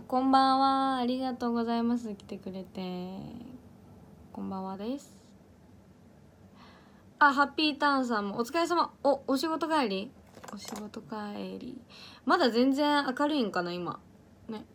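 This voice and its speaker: A woman's voice: fairly high pitch, normal speed, pauses often, slight background noise. A young woman from Ehime with an Iyo dialect, chatting casually on a livestream, reading viewer comments, laughing often and stumbling over words. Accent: Iyo dialect of Ehime, Japan. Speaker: idol livestreamer.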